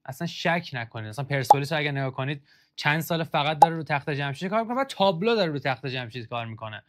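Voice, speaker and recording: A man's voice: fairly high pitch, lively intonation. A young man hosting a casual football kit review, joking and sarcastic as he reads out comments.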